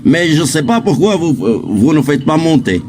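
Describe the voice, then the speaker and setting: A man's voice: fairly high pitch, very animated, moderate pace, background noise. A man from Morocco calling into a live stream panel, pressing his point insistently. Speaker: panel caller. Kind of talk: casual live-stream complaint.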